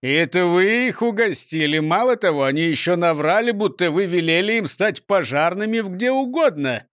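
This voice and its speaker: A man's voice: sits high, animated, normal speed, fairly bright tone, no room sound, clean studio sound. A man voicing a pompous, boastful police chief who talks down to everyone. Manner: pompous, mocking.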